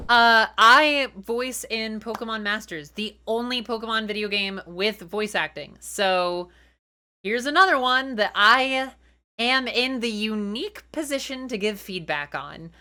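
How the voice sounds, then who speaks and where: A woman giving animated comedic commentary as she reads out game rules, sardonic and incredulous, with emphatic, dramatic asides. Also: fairly high pitch. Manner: sardonic, incredulous, swears freely. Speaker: voice actor reviewing tabletop game homebrew.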